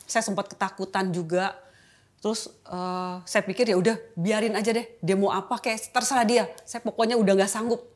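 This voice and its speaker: A woman's voice: mid-range voice, steady tone, normal speed. Candid, emotional woman talk-show guest. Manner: candid and emotional, colloquial with frequent filler tags. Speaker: guest sharing a testimony. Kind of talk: casual interview chat.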